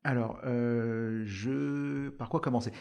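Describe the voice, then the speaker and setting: A man's voice: medium pitch, steady tone, slow, creaky, darkish tone, clean tone. A man born in Iran and raised in France, a startup founder answering interview questions in a hesitant way, with many fillers and restarts. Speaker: startup founder, podcast guest.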